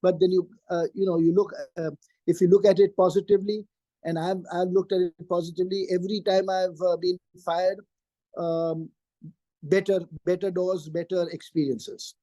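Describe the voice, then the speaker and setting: Older man, interview guest; high, mellow tone, emphatic and repetitive, dry close sound. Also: little pitch movement, moderate pace, dry recording. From Pakistan. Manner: emphatic, repeats key phrases. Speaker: interview guest, trainer and career coach. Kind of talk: interview answers.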